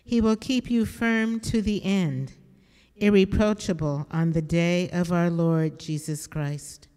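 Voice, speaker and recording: An older woman reads scripture solemnly at a lectern. Her voice is lowish, slow and very mellow, carried on the long reverb of a church. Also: fairly even intonation, clean tone. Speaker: lector. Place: inside a church. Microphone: lectern microphone.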